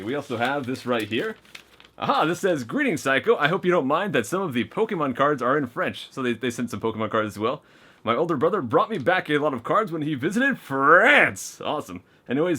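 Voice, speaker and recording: A man with a mid-range voice casually opens fan mail on camera, reading the letters aloud. He's chatty and excitable and stumbles over his words now and then.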